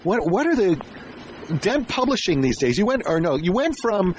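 A man hosting a casual radio interview, rambling haltingly and repeating words as he shapes his questions. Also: sits high, big pitch swings, a little hiss or hum, poor audio. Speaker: radio show host interviewing a guest.

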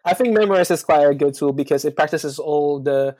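A man's voice: a little high, a little fast, darkish tone, no room sound. Hesitant man chatting, dry close sound. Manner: hesitant, many ums and restarts. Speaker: guest on a language-learning discussion. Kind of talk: casual chat.

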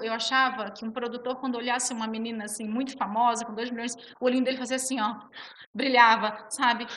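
A woman's voice: on the high side, a bit bright. A woman with a Brazilian Portuguese accent, a musical theatre actress telling her story expressively in an interview.

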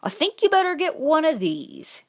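A man's voice: very high voice, wildly swooping pitch, normal speed, a bit bright, pitched above the performer's own voice, heavily acted. A woman voicing a practical, frugal father who talks in a matter-of-fact, dismissive way. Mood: firm.

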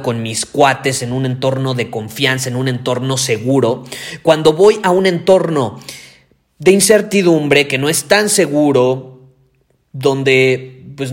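A man with a Mexican accent hosting a podcast, talking loudly and intensely and repeating his key points for emphasis. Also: medium pitch. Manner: loud, intense delivery. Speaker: podcast host. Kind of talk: motivational podcast monologue.

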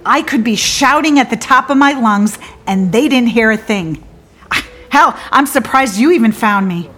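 In a theatrical monologue, an actress plays a disillusioned woman lawyer who confides haltingly, wry and bitter, with abrupt swings. Her voice is a little high, animated and a bit bright, and she sounds disoriented and indignant.

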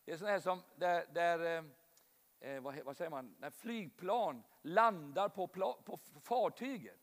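A male preacher delivers a sermon in a high, bright-pitched voice, turning often to the congregation with questions. His voice rings with the long reverb of a large church hall. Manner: storytelling, addresses congregation directly.

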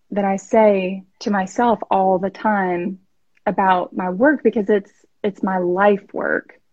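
A woman in her thirties, a podcast guest, talking slowly and reflectively, often repeating herself in casual chat. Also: mid-range voice, dry recording, muffled recording.

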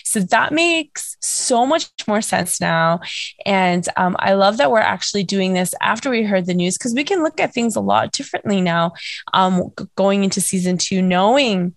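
A young woman with a hoarse, scratchy, nasal voice, hosting a casual fan chat podcast with lots of fillers. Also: medium pitch, moderate pace, dry recording. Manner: chatty, filler-heavy, excitable. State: hoarse, lost voice. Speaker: podcast host.

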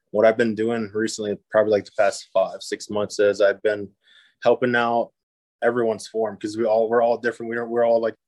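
A man raised in Japan, talking as a podcast guest in an easygoing, upbeat way with many pauses. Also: lowish voice, no room sound, rough recording. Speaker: podcast guest, disc golf player. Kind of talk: casual interview chat.

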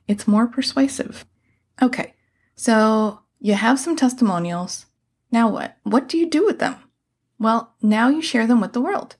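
A woman with a slightly high, mellow voice and a breathy edge hosts a scripted solo advice podcast, mentoring virtual assistants. Her delivery is upbeat and tidy like a vlogger's, with playful, casual phrasing.

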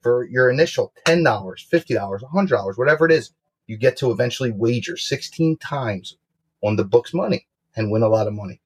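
Husky, animated man pitching bets, brash. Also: a little fast. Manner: brash, slangy, swearing bro talk. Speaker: sports betting show co-host.

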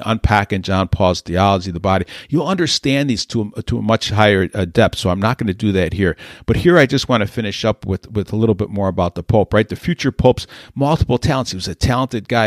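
A man's voice: lowish voice, no echo, clean studio sound. A man hosting a religious podcast, speaking emphatically in a preachy manner with frequent restarts and fillers. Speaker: podcast host.

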